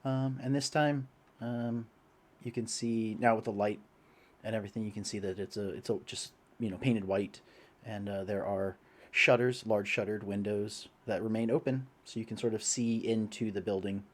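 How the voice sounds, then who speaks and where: A young man narrates a tabletop game as game master. His voice sits fairly low, and he rambles along with plenty of ums and uhs. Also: steady tone, normal speed. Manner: rambling, many fillers.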